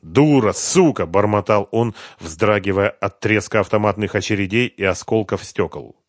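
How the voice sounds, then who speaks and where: A man narrating an audiobook in an even, measured reading. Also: fairly low pitch, dry recording, studio quality. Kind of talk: scripted narration of a thriller novel.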